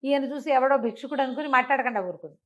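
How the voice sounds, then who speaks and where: A storyteller tells a moral folk tale in a conversational, animated way, acting out dialogue and posing rhetorical questions. Her voice is high-pitched and rapid-fire, and the audio sounds dull.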